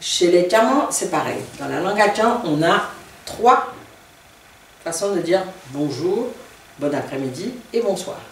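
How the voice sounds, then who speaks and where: Language teacher, slow, patient, repeats words, distant mic, echoey room, faint noise. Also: medium pitch, lively intonation. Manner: careful, repeats each word several times; writes on a board while explaining. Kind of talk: video language lesson.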